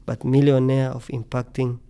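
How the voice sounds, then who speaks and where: A man's voice: mid-range voice, little pitch movement, moderate pace, creaky, dark tone, smooth. A middle-aged man from Tanzania, a scientist guest speaking earnestly in a podcast interview, often repeating words as he thinks.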